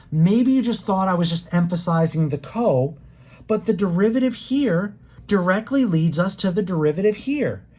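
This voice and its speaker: A math instructor delivering a recorded calculus lecture in a mellow, warm voice. The teacher talks plainly and directly to students, explaining each step with patience and leaning on key words to make them stick. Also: mid-range voice. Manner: plain conversational teaching, speaks straight to students.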